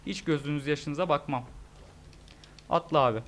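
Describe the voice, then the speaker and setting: A young man giving excitable, joking let's-play commentary, shouting at the game. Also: a little high, moderate pace. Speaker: gaming YouTuber.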